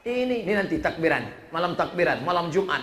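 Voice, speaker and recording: A middle-aged man, preaching a humorous sermon with lively storytelling and jokes. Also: fairly high pitch, fast talker. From Riau, Indonesia. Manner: joking, lively storytelling with acted-out quotes. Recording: echoey room.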